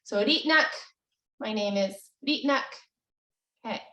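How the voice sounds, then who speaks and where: A woman teaching a language lesson over a video call, patient and encouraging, often pausing with ums. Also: a little high, expressive, pushed and bright, dull audio. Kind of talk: live online language lesson. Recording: echoey, distant video call audio.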